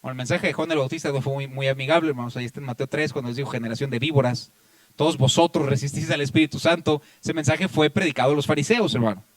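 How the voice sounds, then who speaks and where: A man with a Mexican accent preaching a Bible study sermon, often addressing his listeners as brothers and swinging between loud raised passages and quiet asides. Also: a little high, quick pace, no room sound. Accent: Mexican Spanish. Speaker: pastor.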